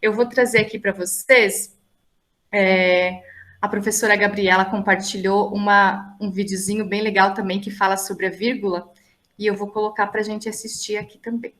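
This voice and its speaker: A woman's voice: mid-range voice, steady tone, normal speed, fairly bright tone. A woman teacher explaining a lesson over a video call, chatty and full of tag questions and fillers. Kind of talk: online class explanation.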